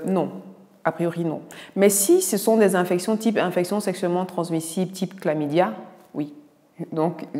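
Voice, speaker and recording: A woman's voice: lowish voice, mellow, long reverb tail. A woman doctor from Cameroon with a Cameroonian French accent, answering viewer questions in a casual, frank and teasing way. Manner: frank, teasing, blunt asides. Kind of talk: casual video Q&A.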